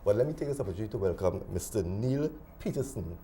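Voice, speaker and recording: A man hosting a studio TV interview, formal and welcoming, with soft humming acknowledgements. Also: fairly low pitch, animated, fast talker, slight background noise. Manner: formal, welcoming, with filler hums. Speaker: TV talk show host.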